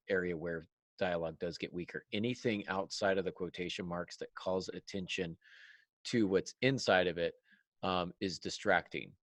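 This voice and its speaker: This deep-voiced man hosts a podcast and also writes and teaches writing. Talking conversationally about his craft, he comes across as emphatic and wry, frequently pausing to correct himself, and the recording is dry.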